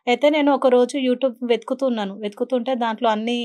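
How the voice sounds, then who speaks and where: Woman guest, earnest storyteller, quick and a touch high. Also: steady tone, darkish tone. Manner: earnest, telling a personal story with quoted speech. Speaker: guest, beautician and meditation teacher. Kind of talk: podcast interview, personal story.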